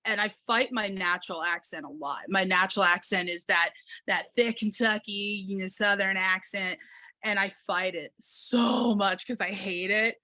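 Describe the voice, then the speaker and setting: A woman's voice: medium pitch, normal speed, sharp tone, dry recording. An American woman hosting an interview, chatting casually over a video call with fillers. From American Midwest and South. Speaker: host.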